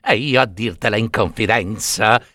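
A man's voice: moderate pace, bright, forceful tone, no room sound, clean studio sound. A man voicing a cheeky, lazy puppet boy who talks back defiantly. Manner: high, bratty and defiant.

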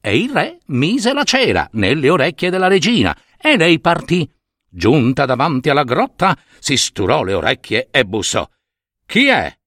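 A man telling a fairy tale, animated and talking to his listeners with little asides. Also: on the high side, normal speed, dry recording, clean studio sound. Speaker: storyteller.

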